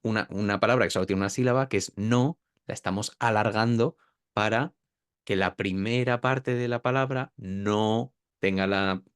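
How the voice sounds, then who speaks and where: A man's voice: lowish voice, moderate pace, clear, resonant tone, no echo, clean studio sound. Man explaining pronunciation. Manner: demonstrates sounds by drawing out words. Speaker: pronunciation teacher, interview guest. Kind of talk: explanatory interview talk.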